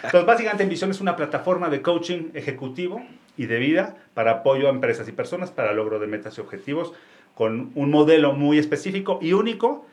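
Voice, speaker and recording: A man's voice: a little high, animated, quick pace. A man with a Mexican accent, an executive coach, explaining his work in a casual interview, often restarting phrases and checking in with tag questions. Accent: Mexican Spanish. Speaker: executive coach, company founder.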